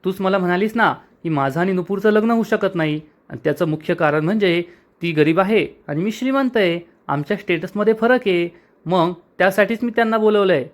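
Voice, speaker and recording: A man's voice: high voice, brisk, close to an everyday voice. A man reading the lines of a rich young man, determined and in love, in a soap recap.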